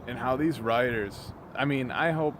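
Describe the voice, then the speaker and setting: A man sounding drunk as he delivers an off-the-cuff video rant, rambling, halting and repeating himself, exasperated and swearing freely. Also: mid-range voice, background noise. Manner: exasperated, profane. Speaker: YouTube reviewer.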